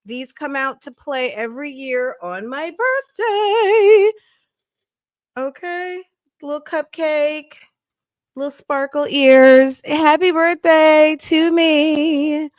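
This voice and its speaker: A sassy woman in her fifties chats slowly and playfully with her livestream viewers. Her voice sits a little high, and the close, dry recording has almost no room sound. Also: lively intonation, no room sound. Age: 50s. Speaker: podcast host. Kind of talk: casual livestream chat.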